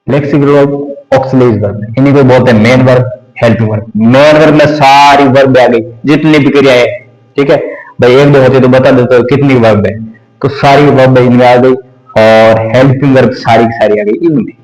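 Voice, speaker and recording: A man teaching English grammar in Hindi, explaining slowly and repeating lists aloud while he writes. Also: medium pitch, steady tone, a little mellow. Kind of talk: classroom grammar lesson. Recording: echoey room.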